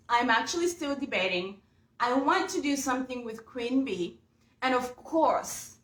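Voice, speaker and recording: A woman's voice: fairly high pitch, fairly bright tone. Chatty woman from Uganda in an echoey room. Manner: chatty and upbeat, talking to viewers. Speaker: furniture painting vlogger. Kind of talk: casual chat while working. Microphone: camera mic.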